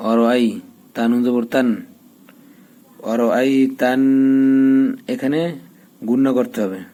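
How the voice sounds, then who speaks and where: A man gives a patient recitation lesson, naming letters and vowel marks one at a time. His voice is mellow and dark, and he keeps an even, level delivery. He stretches out his chanting slowly. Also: medium pitch, poor audio. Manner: slows down for drawn-out chanted recitation. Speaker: Quran recitation teacher. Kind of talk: step-by-step recitation tutorial.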